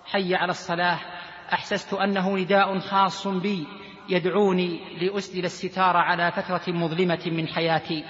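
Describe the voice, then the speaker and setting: A man's voice: high voice, a bit bright. A man preaching a sermon, emotionally retelling a young man's story of repentance in the first person. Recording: echoey hall, dull lo-fi sound.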